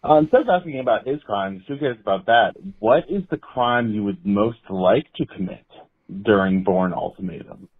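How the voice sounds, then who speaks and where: A man from Northeast Ohio leaves a casual voicemail message, his fairly low voice squeezed thin by a tinny phone line. He rambles in a laid-back way and hesitates often, circling back to his question. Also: expressive, normal speed, husky. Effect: voicemail message over a phone line. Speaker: voicemail caller.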